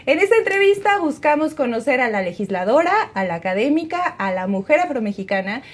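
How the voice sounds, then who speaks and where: High-voiced female interview host. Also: very animated, a little fast. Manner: formal, read introduction. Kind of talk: scripted introduction then interview. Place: studio.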